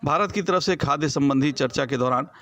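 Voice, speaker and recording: A male correspondent reading a scripted news report in a formal, even delivery. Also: fairly high pitch, fairly quick.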